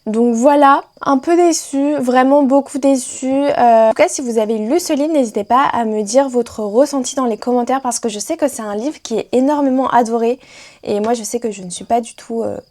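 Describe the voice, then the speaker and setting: A woman's voice: fairly high pitch, moderate pace, a little mellow. A young woman reviewing books in a casual vlog, chatty and full of fillers and restarts. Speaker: book vlogger.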